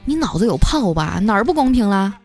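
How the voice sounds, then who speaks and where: A woman plays a sharp-tongued, bossy wife, cool and mocking as she talks down to her husband. Music plays clearly behind her in this comic storytelling podcast. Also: mid-range voice, big pitch swings, brisk.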